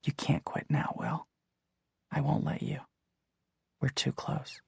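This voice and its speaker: A man voicing a bold, wisecracking teenage girl in an audiobook, raised well above his own pitch. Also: normal speed, creaky, no room sound, lightly acted. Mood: whispered. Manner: sharp, teasing, insistent.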